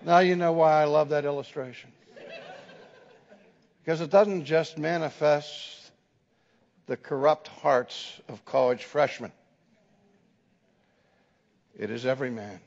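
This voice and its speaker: Slow, dramatic male preacher in a hall. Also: a little high, darkish tone. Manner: dramatic storyteller who acts out the people in his stories. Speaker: preacher and teacher. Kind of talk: sermon with acted storytelling. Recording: long hall reverb, dull lo-fi 2007 audio.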